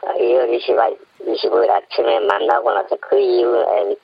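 Give me an anonymous man with a gravelly voice disguised by a voice changer, heard over a muffled phone line. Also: very high voice, wildly swooping pitch, no room sound. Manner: hesitant, halting with many fillers. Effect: voice altered by a voice changer for anonymity. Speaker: anonymous informant interviewed by phone. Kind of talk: radio phone interview.

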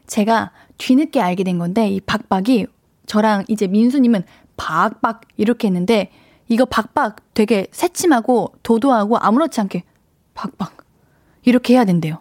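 A woman's voice: a little high, darkish tone, no echo, studio quality. A woman radio DJ chatting playfully as she reads out listener messages on a live show. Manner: playful, chatty, tries out dialect phrases. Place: radio studio. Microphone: studio mic.

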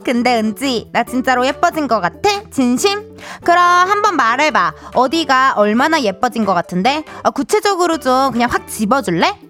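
A woman's voice: high-pitched, very animated, moderate pace, few pauses, a bit bright, soft background music. A woman playing a touchy young woman friend in a comedy radio skit, who keeps insistently demanding apologies. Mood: indignant. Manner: indignant, insistent, sing-song demands.

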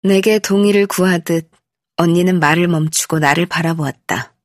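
A woman narrating a first-person literary audiobook in a measured, expressive way, in a studio. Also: fairly low pitch, no room sound. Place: recording studio. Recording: dry studio.

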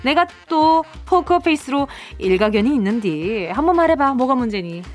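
Playful high-voiced woman radio host. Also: big pitch swings, moderate pace. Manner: playful, teasing, exaggerated. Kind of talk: scripted radio comedy skit and quiz. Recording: faint music underneath.

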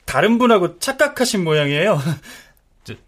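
A man's voice: sits high, sing-song, normal speed, a bit bright, heavily acted. An actor playing an easygoing middle-aged son-in-law who jokes and soothes his angry mother. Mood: placating. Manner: jokey, placating, laughing. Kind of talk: TV or radio drama acting.

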